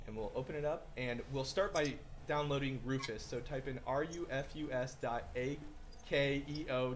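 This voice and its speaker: A man's voice: medium pitch, a little hiss or hum. A man narrating a casual step-by-step computer tutorial, chatty and reassuring, with frequent ums and uhs as he rambles through the steps. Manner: reassuring, careful about disclaimers. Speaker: tech tutorial presenter.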